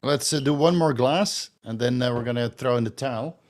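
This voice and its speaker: Speaking a little fast in a mid-range, slightly mellow voice, the slightly Dutch-accented host, a man in his forties from the Netherlands, runs a tipsy, casual Q&A stream. He rambles freely and curses without restraint.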